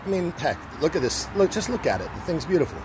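A middle-aged man rambles through a casual walkthrough, often restarting his sentences. He is recorded outdoors on a camera mic, with clear background noise under his voice. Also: fairly high pitch, big pitch swings, fast. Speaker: seller showing a machine.

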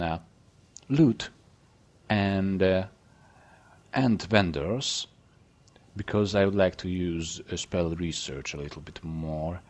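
A man casually commenting on his gameplay, chatty and playful, often dropping to a whisper. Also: low voice. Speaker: let's play gamer.

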